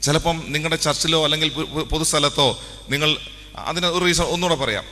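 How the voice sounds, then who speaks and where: A man's voice: a little high, fairly even intonation, quick pace. A man giving a conversational sermon to young people at a camp, asking the audience questions and acting out what people say. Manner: conversational, asks the audience, acts out quotes softly. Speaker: youth camp speaker. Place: large hall at a camp. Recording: long hall reverb.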